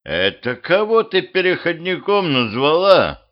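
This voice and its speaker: A man voicing a brash male gang leader who shouts in crude street slang, in a home audiobook. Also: medium pitch, moderate pace, clear, resonant tone, dull audio, lightly acted. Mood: angry.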